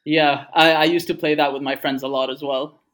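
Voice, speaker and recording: A young Egyptian man who co-founded a game studio tells stories in casual conversation. His voice is a little high and brisk, and his relaxed storytelling is full of fillers.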